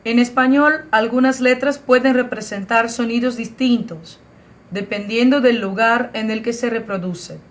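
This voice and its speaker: A woman's voice: on the high side, measured pace. A woman from Brazil teaching a video lesson, spelling out letters and example words one at a time. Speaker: language teacher. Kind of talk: slow, careful video lesson.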